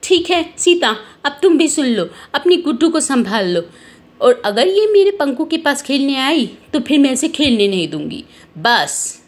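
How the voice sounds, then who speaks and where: A proud, quarrelsome mother in a doll story, voiced by a woman, high and indignant as she brags about her son and scolds another child. She talks with a boastful, defensive edge. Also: sing-song, unhurried. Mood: scolding.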